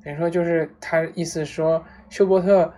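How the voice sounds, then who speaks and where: A woman casually retelling a story aloud, relaxed, with frequent fillers and restarts. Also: on the low side, moderate pace.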